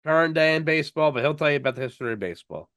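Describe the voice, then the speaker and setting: A man's voice: fairly high pitch, animated, racing, a bit bright, no room sound, clean studio sound. A man co-hosting a casual sports podcast, stammering through restarts and laughing with his co-hosts. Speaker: podcast co-host.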